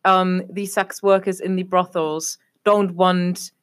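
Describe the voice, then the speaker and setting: A woman's voice: fairly low pitch, flat delivery, slow, clean tone. A young adult woman from Germany chatting casually as a podcast co-host, rambling and leaning on fillers like "obviously.". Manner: rambling, leans on fillers like "obviously" and "a whole thing". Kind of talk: casual chat.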